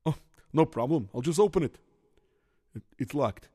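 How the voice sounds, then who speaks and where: A man's voice: on the high side, animated, normal speed, warm tone, husky, no echo, studio quality. A man playing a bumbling handyman who talks himself through every mishap, with Yiddish exclamations scattered through his muttering. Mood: flustered. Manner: rambling self-talk, sprinkled with Yiddish exclamations. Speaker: lunch driver. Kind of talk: children's comedy sketch.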